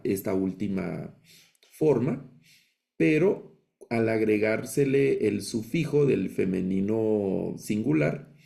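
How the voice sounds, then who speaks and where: A man teaching a live online class, patiently repeating words slowly for his learners. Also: on the low side, vocal fry, mellow. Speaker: biblical Hebrew teacher.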